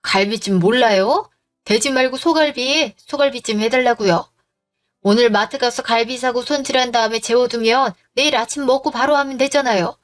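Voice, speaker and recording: A woman's voice: a little high, moderate pace, soft background music, natural voice. A woman voicing a spoiled young sister-in-law who whines and orders food. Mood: demanding. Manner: whiny, demanding.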